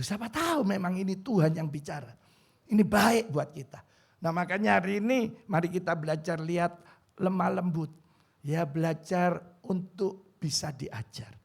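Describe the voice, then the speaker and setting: A man in his fifties preaching a sermon in a church hall, his voice pitched high with a husky, gravelly rasp. He pleads with the congregation, dropping to a hush and then surging loud. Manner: emotional, pleading, swings from quiet to loud. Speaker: pastor.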